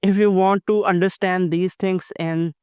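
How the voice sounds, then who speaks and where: A man's voice: high-pitched, flat delivery, measured pace, darkish tone, clear, resonant tone, dry recording, studio quality. A man giving an explanatory narrated lecture in a didactic way, repeating points and checking understanding, while down with flu and a sore throat. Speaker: anatomy lecturer. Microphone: voice-over for animated lecture.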